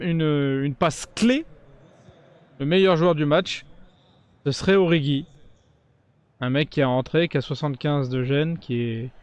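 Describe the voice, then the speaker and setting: Excitable man narrating his own gameplay. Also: a little high, dry recording. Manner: excitable, cheers and shouts during big plays; chatty, talks straight to viewers. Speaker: gaming YouTuber. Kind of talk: casual let's-play commentary.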